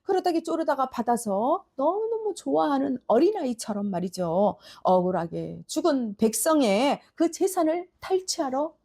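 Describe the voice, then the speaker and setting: A woman's voice: sits high, very animated, moderate pace, hardly any pauses, warm tone. A woman pastor preaching a sermon in a church, telling a story vividly and questioning her congregation. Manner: storytelling, asks the congregation questions and acts out the characters.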